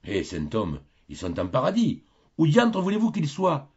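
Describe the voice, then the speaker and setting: Un homme qui joue un grand ange aux ailes sombres, à la voix rauque et dolente, tenant un grand livre dans un conte lu. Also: male voice, a little high, huge pitch swings, moderate pace, darkish tone, muffled recording, pitched above the performer's own voice, exaggerated voice. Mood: impatient. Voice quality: hoarse and doleful. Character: grand dark-winged angel keeping hell's book.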